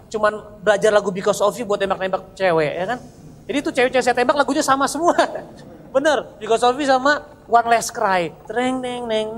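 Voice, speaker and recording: A man giving an earnest, heartfelt personal testimony to an audience in a large hall. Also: high voice. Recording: reverberant hall with faint noise.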